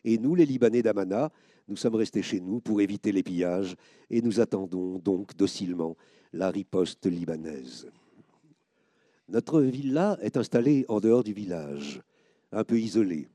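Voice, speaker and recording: A man reading first-person stories aloud, expressive, lifting his voice sharply when he quotes the people in them. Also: on the low side, normal speed, no room sound. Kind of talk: scripted narration.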